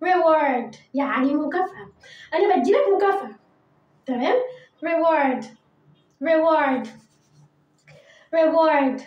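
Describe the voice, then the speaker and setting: A woman with an Egyptian Arabic accent teaching English vocabulary to children, repeating each word slowly and coaxing pupils to say it after her. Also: high-pitched, expressive, reverberant, muffled recording, slight background noise.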